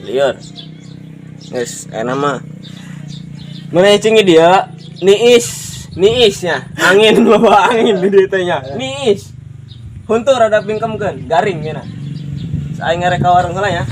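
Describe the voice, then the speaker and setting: A man's voice: high-pitched, expressive, takes it slowly, long pauses, slight background noise. A man playing a joking friend in a homemade comedy short, teasing and playful. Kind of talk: amateur comedy sketch acting.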